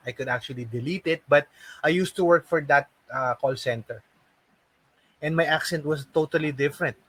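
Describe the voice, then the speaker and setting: The audio is poor and dry as a man with a fairly high, slightly bright voice teaches a live online session. He is an English and call center trainer from the Philippines with a Filipino accent. To encourage learners, he repeats his points and asks rhetorical questions.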